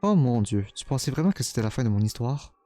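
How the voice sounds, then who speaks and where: A man's voice: mid-range voice, sing-song, warm tone, dry recording, natural voice. A man voicing a cruel, taunting young female witch spirit while reading a game's dialogue aloud. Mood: scornful. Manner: mocking, teasing, slow and menacing.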